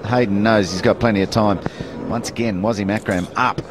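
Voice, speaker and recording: A man commentating live cricket on TV, calmly explaining what the bowler is trying to do. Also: on the low side, a little fast. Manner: analytical, explains the bowling. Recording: broadcast with clear noise.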